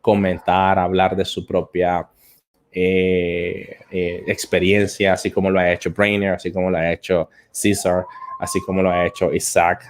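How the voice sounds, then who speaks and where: Hesitant low-voiced man teaching. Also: little pitch movement, measured pace. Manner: hesitant, frequent "eh" fillers and repeated words. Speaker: English teacher and host. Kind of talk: live-stream lesson answering viewer comments.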